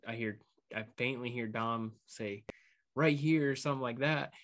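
Man, co-host, rambling casual storyteller, mid-pitched voice, lots of restarts. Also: fairly even intonation, normal speed, pushed and bright. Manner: loose, rambling delivery with many fillers and restarts. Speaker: podcast co-host recounting his hunt.

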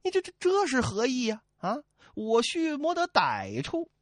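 A man's voice: extremely high pitch, wildly swooping pitch, a little slow, dry recording, clean studio sound, pitched above the performer's own voice, exaggerated voice. A man voicing a male outlaw chief on the run, flustered and pleading.

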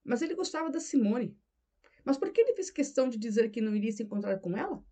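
A woman narrating a novel as an audiobook in a steady storytelling delivery. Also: on the high side, fast. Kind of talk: scripted narration.

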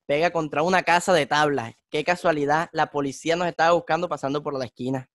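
A young man, telling a street story on a casual podcast in slangy, animated talk. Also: a little high, fast, slight background noise. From Colombia. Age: young adult. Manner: slangy, animated, acts out voices in his stories. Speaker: podcast host.

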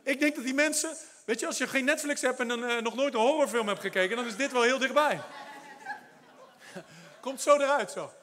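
Male pastor, high bright voice, animated sermon delivery with laughs and shouted climaxes. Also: fairly quick, a faint crowd. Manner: animated preaching with laughs and English phrases; builds to shouted exhortation.

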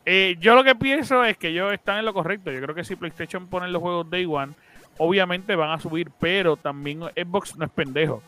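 High-voiced Puerto Rican man, blunt. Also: moderate pace, pushed and bright. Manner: blunt, swearing, argumentative. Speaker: podcast panelist. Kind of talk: casual debate. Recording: music behind the voice.

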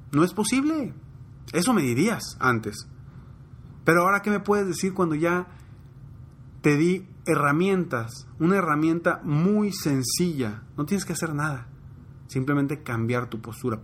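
A man's voice: a little high, a bit bright, slight background noise. A man with a Mexican accent giving a conversational motivational talk, telling personal anecdotes and speaking straight to the listener.

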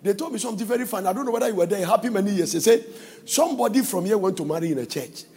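High, singsong preacher with a gravelly voice. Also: male voice, animated, very fast, in a large hall. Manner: singsong, shouting, laughing preaching. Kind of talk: sermon.

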